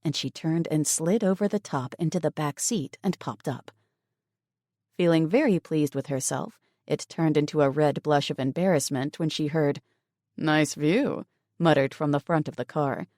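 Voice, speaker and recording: A woman narrating an audiobook novel in an even, measured storytelling manner. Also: deep voice, no echo, clean studio sound. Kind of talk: scripted narration.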